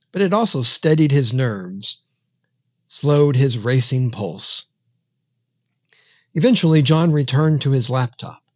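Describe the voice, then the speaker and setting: Slow, measured male horror storyteller. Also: mid-range voice, no echo, lo-fi sound. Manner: slow, measured, dramatic delivery. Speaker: narrator. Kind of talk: scripted horror story narration.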